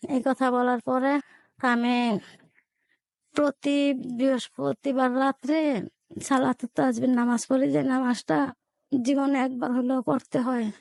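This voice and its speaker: A middle-aged woman telling her own life story as a caller, slow and halting, often repeating her phrases. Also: high voice, little pitch movement, vocal fry, a little mellow, no echo.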